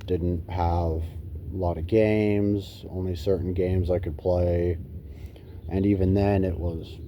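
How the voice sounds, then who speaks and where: A man's voice: sits low, warm tone, slight background noise. A man chatting casually and rambling to his viewers as a gaming vlogger, recorded on a phone. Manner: swears casually. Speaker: gaming YouTuber.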